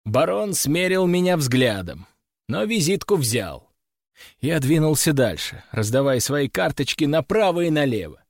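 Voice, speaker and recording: A man reading a first-person novel aloud as an audiobook narrator, in an even, matter-of-fact storytelling manner. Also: a little high, a little slow, no echo, clean studio sound.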